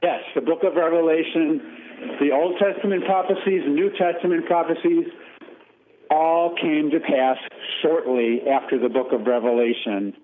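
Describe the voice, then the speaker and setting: A man calling in to a radio show on a speakerphone, reading a scripture verse slowly and deliberately. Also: a little high, fairly even intonation, a little hiss or hum. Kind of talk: call-in talk, reading scripture aloud. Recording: rough, tinny speakerphone line.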